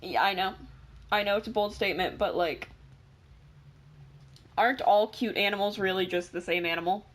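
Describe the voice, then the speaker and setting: A woman's voice: medium pitch, normal speed, pauses often, a bit bright. A teenage girl co-hosting a podcast in casual chat, rambling, correcting herself mid-sentence and joking. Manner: rambling, self-correcting, jokey. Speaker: podcast co-host.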